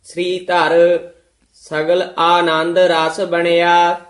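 Male student chanting scripture, very slow, flat high voice, roomy echo. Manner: measured, steady chanting.

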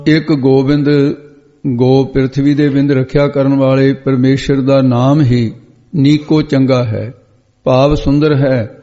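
Male preacher, dark mellow voice, word-by-word scripture sermon, lo-fi hall recording. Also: mid-range voice, flat delivery, unhurried. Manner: glosses each word, repeats phrases, corrects pronunciation. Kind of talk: line-by-line scripture exposition sermon. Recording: dull lo-fi sound with long hall reverb.

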